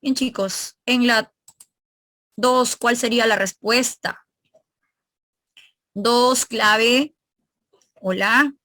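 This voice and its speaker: Woman teacher running an online review class, bright clear voice, keeps asking the students, dry sound. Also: fairly high pitch, drawn-out words, long pauses, dry recording. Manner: quizzing students, explaining grammar step by step.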